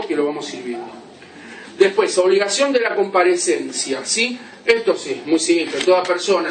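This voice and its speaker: Heard from afar in a roomy classroom, this law lecturer has a high voice with a little hiss or hum in the recording. He works through examples and keeps asking "¿sí?" to check his students are following.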